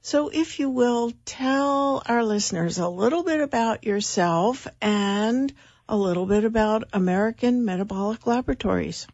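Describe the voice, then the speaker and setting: A woman's voice: on the high side, moderate pace, a little mellow, no echo. A woman hosting a radio talk show, gushing and welcoming toward her guest. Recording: dull lo-fi radio audio.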